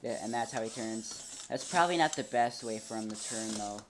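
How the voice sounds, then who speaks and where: Casual toy reviewer filming at home, halting and informal, medium pitch, faint mechanical clicks behind. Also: noisy background. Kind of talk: casual hands-on demonstration. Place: carpeted living room at home. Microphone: handheld camera held by the speaker. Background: robot toy motor whirring and clicks.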